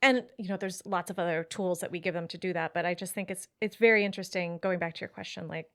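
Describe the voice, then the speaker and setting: A woman talking as a money coach in a casual podcast conversation, animated, acting out her clients' voices and swearing casually. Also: fairly low pitch, fast talker.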